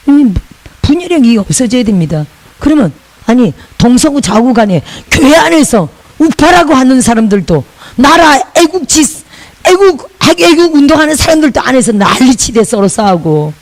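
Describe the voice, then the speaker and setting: A woman's voice: high voice, darkish tone, rough recording. A woman pastor from Busan, preaching a sermon in a chatty way with laughing asides and call-and-repeat lines.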